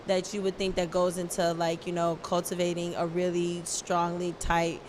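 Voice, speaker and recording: A woman's voice: lowish voice, monotone, normal speed, darkish tone, slight background noise. A woman hosting a casual interview show, rambling with lots of fillers and restarts. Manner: rambling, filler-heavy, laughs often. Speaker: talk show host.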